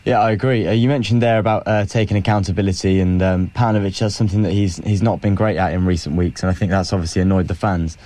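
Dark-voiced, quick correspondent. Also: male voice, low voice, fairly even intonation, no echo. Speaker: club correspondent interviewer. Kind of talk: interview questions.

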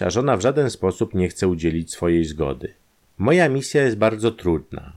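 A man voicing a smooth-talking male private detective, a conman who speaks in an ingratiating, persuasive way. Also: low voice, darkish tone, pitched above the performer's own voice.

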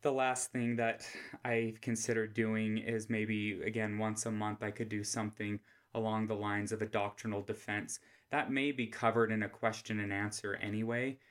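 Soft, flat-voiced American man, quiet monotone. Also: moderate pace. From Utah, United States. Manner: flat monotone, speaking low without inflection. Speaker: host of a scripture study podcast. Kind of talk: informal religious lesson. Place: quiet room at home.

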